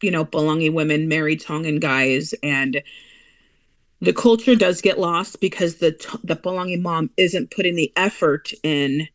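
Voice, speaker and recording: A deep-voiced American woman, interviewed casually as a guest, speaks with earnest emphasis about her children and what she values. She speeds up and slows down to stress points, and there's no room sound.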